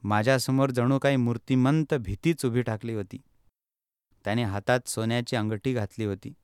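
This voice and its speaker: A man reading a first-person travel memoir aloud in steady, measured narration. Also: mid-range voice, smooth, dry recording, clean studio sound.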